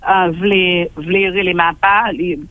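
A man with a Haitian accent, speaking on a radio talk show over a telephone line, halting and often repeating himself as he restarts. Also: high-pitched, steady tone, dry recording. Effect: heard over a telephone line. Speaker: guest reporting by phone. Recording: narrow tinny phone line.

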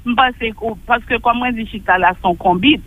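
High-voiced Haitian man on a phone line. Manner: halting, repeats words and restarts often. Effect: heard over a telephone line. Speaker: guest reporting by phone. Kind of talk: phone-in conversation on a radio talk show. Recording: narrow tinny phone line.

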